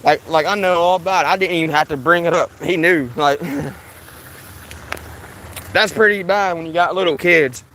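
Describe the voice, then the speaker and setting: A man's voice: a little high, moderate pace, long pauses, a bit bright, a little hiss or hum, low-quality recording. A man vlogging outdoors on a hot day, sweating and talking in a casual, repetitive ramble full of restarts. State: sweating in the heat. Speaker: vlogger filming police in his town.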